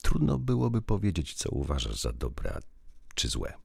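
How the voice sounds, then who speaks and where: A man's voice: a bass voice, huge pitch swings, moderate pace, gravelly, dark tone, breathy edge, no room sound, exaggerated voice. A man voicing a jealous young man who presses his fiancée with questions, a little flustered and hesitant. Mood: probing.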